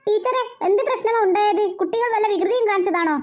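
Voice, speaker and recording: Brief: woman as a patient, questioning cartoon mom, very high voice. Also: quick pace, darkish tone. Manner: coaxing, questioning. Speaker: mother. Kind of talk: cartoon voice acting.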